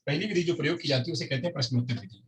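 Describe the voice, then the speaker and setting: A man's voice: on the high side, rapid-fire. Repetitive, emphatic male teacher with a faint hiss. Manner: repeats key terms, asks and answers own questions. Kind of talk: lecture on teaching methods. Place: classroom with a board.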